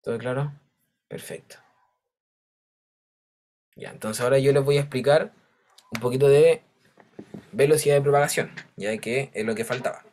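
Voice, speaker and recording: A man's voice: mid-range voice, normal speed, long pauses, a little mellow, slight background noise. Male teacher explaining with constant check-ins. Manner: explanatory, checks understanding with frequent "¿ya?". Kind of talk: online class lecture.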